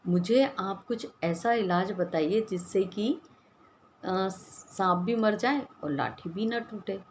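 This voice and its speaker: A woman's voice: mid-range voice, slow, slight background noise. A woman reading as a young wife who pleads and pushes, scheming under a sweet surface. Her voice sits in an ordinary middle register, told as a spoken storybook. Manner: insistent, pleading.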